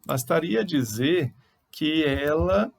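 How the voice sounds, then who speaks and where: A man's voice: fairly high pitch, animated, slow pace, gravelly, a little hiss or hum. A Brazilian man teaching a recorded online lesson, explaining step by step and correcting himself as he goes. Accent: Brazilian Portuguese.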